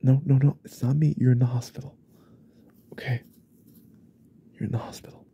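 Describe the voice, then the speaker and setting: A young man voicing an unstable, remorseful young husband in a whispered role-play, stammering and repeating himself in a husky, often whispered voice. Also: mid-range voice, little pitch movement, normal speed, mellow, muffled recording, a little hiss or hum, close to an everyday voice. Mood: pleading. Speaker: ASMR role-play creator.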